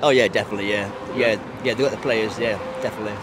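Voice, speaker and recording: A man answering casually as a fan in a street interview, quick and agreeable. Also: lowish voice, fairly even intonation. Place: outdoors by a stadium. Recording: outdoor street noise.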